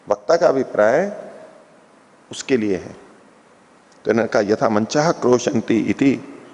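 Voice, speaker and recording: A scripture teacher with a gravelly, creaky, slightly high voice and a darkish tone lectures on a classical philosophy text. He goes slowly, repeating each term and breaking it down for listeners. A long reverb suggests he is speaking in a large hall.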